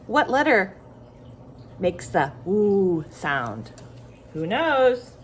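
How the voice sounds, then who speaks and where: A woman's voice: medium pitch, big pitch swings, drawn-out words, slight background noise. A woman teaching letter sounds to young children, asking questions and praising answers in an encouraging, sing-song way. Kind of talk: early-reader phonics lesson.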